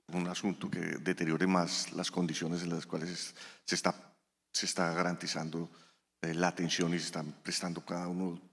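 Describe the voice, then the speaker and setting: A man speaking as a panelist, halting with restarts and rhetorical repetition. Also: sits low, gravelly, fairly bright tone. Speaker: panelist, health insurer executive. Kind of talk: panel discussion answer. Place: conference hall.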